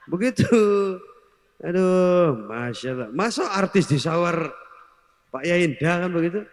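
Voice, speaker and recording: Guy preaching w jokes, kinda high voice, big echoey hall w long reverb. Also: measured pace. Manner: joking, crowd-teasing, switches between Indonesian and Javanese words. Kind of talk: comic sermon with singing.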